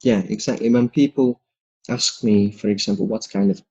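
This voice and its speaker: A man with a lowish, warm voice and a breathy edge speaks at a normal speed with fairly even intonation. He's hosting an English lesson, chatting casually with his co-host and agreeing with him while rattling off lots of examples. The audio is dull and lo-fi.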